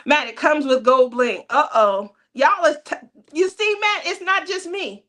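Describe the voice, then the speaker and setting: A woman's voice: high-pitched, a little slow, fairly bright tone. Chatty laughing craft host woman. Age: 30s. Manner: chatty, laughs often, teasing. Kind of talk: casual livestream chat.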